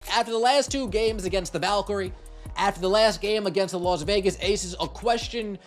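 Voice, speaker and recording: A man with a high-pitched voice talks through a team's prospects in casual commentary. He speaks earnestly and addresses his viewers directly. Faint music plays in the background. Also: a little fast. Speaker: sports commentator.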